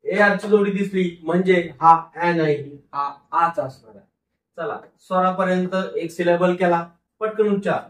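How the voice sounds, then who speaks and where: Male teacher, phonics lesson, repeats each word, high-pitched, roomy echo. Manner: sounds words out slowly syllable by syllable, then repeats them; asks the class questions and answers them himself. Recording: roomy echo, mic far off.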